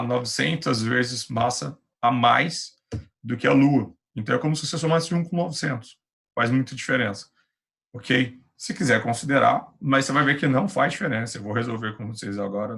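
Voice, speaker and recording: A man's voice: mid-range voice, gravelly, a bit bright. A male physics teacher with a Brazilian Portuguese accent, giving an online class in a patient, reassuring, chatty way over a computer mic.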